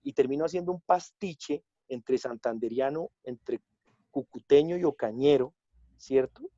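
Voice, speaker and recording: A man with a Colombian accent chatting casually as a guest actor and director, telling lively stories and acting out other people's lines. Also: medium pitch, unhurried, no echo. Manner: animated storytelling, drops into quoted voices. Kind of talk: casual chat. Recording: dull lo-fi, dry sound.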